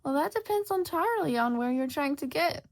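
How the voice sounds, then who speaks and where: A woman's voice: high-pitched, lively intonation, brisk, voice pushed up. A woman voicing a playful, knowing female cat, grinning and a little mad, in an audiobook fantasy tale. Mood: teasing, knowing.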